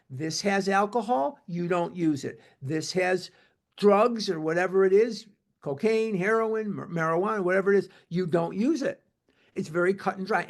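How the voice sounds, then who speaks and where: A man's voice: high-pitched, vocal fry. A man of seventy leading a recovery meeting, talking earnestly and repeating himself for emphasis. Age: 70s. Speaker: meeting leader.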